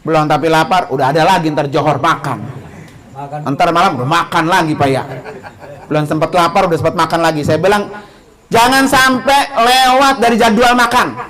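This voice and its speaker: A man gives an informal religious talk in a high voice. He is animated, throwing questions out to his listeners and answering them himself. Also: moderate pace, poor audio. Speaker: religious speaker.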